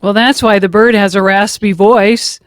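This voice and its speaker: Deadpan woman riffing on a movie. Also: mid-range voice, normal speed, no echo, clean studio sound. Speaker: comedy riffer. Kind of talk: joking commentary over a movie.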